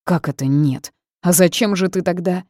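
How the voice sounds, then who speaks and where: A woman's voice: lowish voice, moderate pace, mellow, no echo, clean studio sound, natural voice. A woman voicing a timid, fussy male barn spirit who talks meekly and plaintively. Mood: flustered. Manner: meek, flustered, plaintive.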